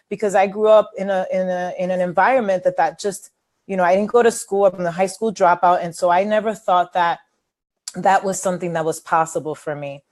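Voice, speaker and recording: A woman's voice: on the low side, darkish tone. A woman, hosting a webinar as a coach in a candid, chatty way with many fillers. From New York City. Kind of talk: casual webinar talk.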